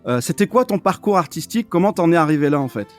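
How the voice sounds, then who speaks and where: A man's voice: a little high, lively intonation, quick pace, soft background music. A man hosting a radio interview, casual, familiar and joking with his guest. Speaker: radio host.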